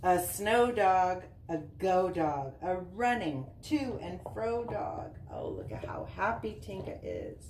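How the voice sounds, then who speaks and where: Her voice on the low side, a woman volunteers as a slow, singsong reader of a children's picture book, chatting with the kids between lines. It was captured indoors in a living room by a camera set a short way off, sounding roomy and distant, with a faint hiss.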